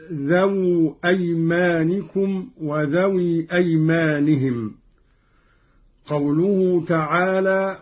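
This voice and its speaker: On a dull, lo-fi old radio recording, a man with a somewhat high voice gives a measured lesson on Quran readings. He explains each reading in turn and chants the verses he quotes.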